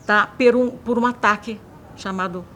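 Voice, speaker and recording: A woman's voice: medium pitch, fairly even intonation, normal speed, pushed and bright, a little hiss or hum. A woman speaking as a doctor in a documentary interview, explaining in a hesitant, vivid way. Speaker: doctor interviewed on mental health.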